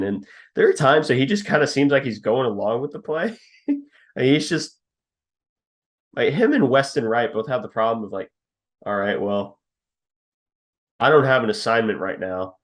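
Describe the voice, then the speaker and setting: A man's voice: mid-range voice, lively intonation, moderate pace. A young man co-hosting a podcast, casually breaking down a football team's linemen, reading stats and laughing at his own jabs. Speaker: podcast co-host. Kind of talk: casual football scouting talk.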